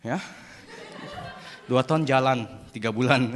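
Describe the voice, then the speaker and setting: A man preaching a sermon to a youth congregation as an animated, joking storyteller. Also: mid-range voice, a little slow. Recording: echoey church hall.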